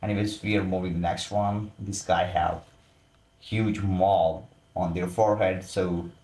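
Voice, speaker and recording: Deep slow-talking man, roomy echo. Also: fairly even intonation, darkish tone. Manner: exclaiming, loose informal phrasing. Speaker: commentator. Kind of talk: casual voice-over commentary.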